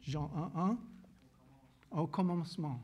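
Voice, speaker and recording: A man from Louisiana with an American accent, a pastor whose first language is English, preaching earnestly, repeating words and pausing with fillers. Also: fairly high pitch, darkish tone. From Louisiana, United States. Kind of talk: sermon with personal story.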